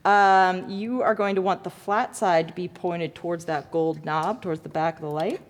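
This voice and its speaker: Her voice on the low side and fairly even in intonation, a woman teaches lighting design at a moderate pace. The hands-on demo is informal, self-correcting and good-humored, recorded in a reverberant hall with background noise.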